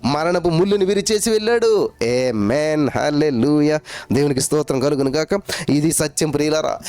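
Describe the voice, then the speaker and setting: A man's voice: a little high, a little mellow. Fervent man preaching over faint music. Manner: fervent preaching with repeated hallelujahs and chanted phrases; mixes in English phrases, drawn out slowly. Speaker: pastor. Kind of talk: sermon.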